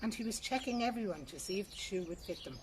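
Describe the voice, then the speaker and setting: Narrating a traditional folk tale with an Irish accent, this storyteller speaks plainly and colloquially in an animated, medium-pitched voice at a quick pace. She's recorded far from the mic, and birdsong and ambient noise make it noisy.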